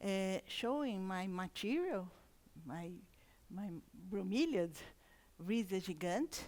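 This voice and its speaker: A university plant scientist with a Brazilian Portuguese accent gives a conference talk in careful, halting non-native English, restarting often. Her voice is medium-pitched with a darkish tone.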